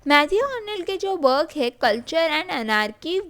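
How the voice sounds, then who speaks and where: In this lesson on exam answers, a high-voiced female tutor goes slowly, very animated and fairly bright in tone. Blending Hindi with English, she reads out questions and options at a leisurely pace, then reveals the answer.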